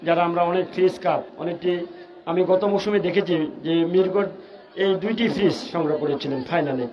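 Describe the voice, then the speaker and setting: A Bangladeshi man with a fairly high voice commentates a football match live. He is excited and urgent, calling the play in repeated stock phrases. The sound is dull and lo-fi, with a crowd audible behind him. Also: a little fast. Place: outdoor football ground.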